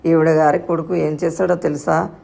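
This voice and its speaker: A woman's voice: sits low, flat delivery, moderate pace, vocal fry, warm tone, exaggerated voice. A woman reading the part of a harsh, mocking young sister-in-law in a storybook tale. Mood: scornful. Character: sharp-tongued spiteful young sister-in-law.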